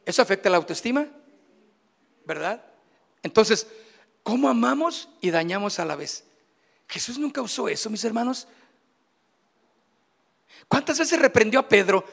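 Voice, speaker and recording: A middle-aged Mexican pastor with a fairly high voice gives a sermon in a casual, chatty way. He keeps throwing questions at his congregation and slips in jokes. The sound carries a long reverb from the church hall. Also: animated, a little slow, gravelly, long pauses, a bit bright. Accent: Mexican Spanish.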